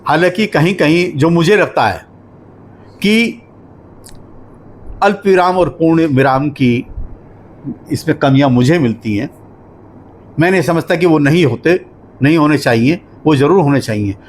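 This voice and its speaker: A man giving a formal spoken review of a poetry book at a literary discussion, measured and explanatory, working through examples. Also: fairly high pitch, slight background noise.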